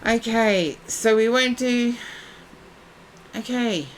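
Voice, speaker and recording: A woman's voice: on the high side, slow pace, background noise. A woman giving psychic readings on a live stream, chatting and addressing viewers by name. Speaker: psychic reader.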